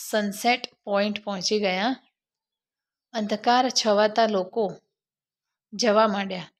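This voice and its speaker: Slow, higher-voiced woman storyteller. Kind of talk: scripted story narration.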